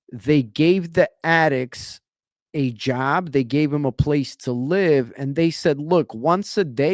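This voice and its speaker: A man's voice: a little high, darkish tone, no room sound, clean studio sound. Impassioned young man hosting a podcast. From Ukraine. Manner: impassioned, repeats "man" and "you know what I'm saying". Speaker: podcast host. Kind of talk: podcast interview.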